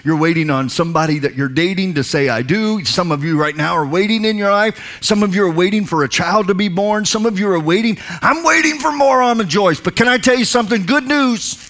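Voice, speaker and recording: A pastor in his forties delivers a sermon from a large indoor stage, speaking into a headset mic. His delivery swings between quiet, hushed lines and loud, emphatic calls to the congregation. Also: high-pitched, lively intonation, fairly quick, few pauses.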